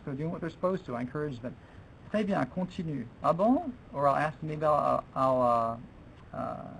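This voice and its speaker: A man's voice: fairly high pitch, gravelly, a little hiss or hum, rough recording. A man presenting a teaching workshop to fellow teachers in a chatty way, restarting his sentences and dropping in French phrases.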